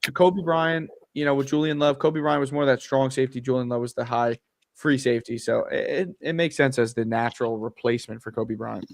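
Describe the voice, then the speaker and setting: A man co-hosting a live draft stream, calmly breaking down player roles in casual chat. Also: medium pitch, a little fast, vocal fry, no echo. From DC area, USA. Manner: analytical, explains player roles. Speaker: co-host. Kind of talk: casual sports analysis chat.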